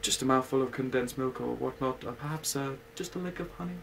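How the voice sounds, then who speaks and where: A man's voice: medium pitch, fairly quick, creaky, a bit bright, slight background noise, low-quality recording. Winnie the Pooh, read by a man. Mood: dreamy. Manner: earnest and dreamy. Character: humble, simple small male teddy bear.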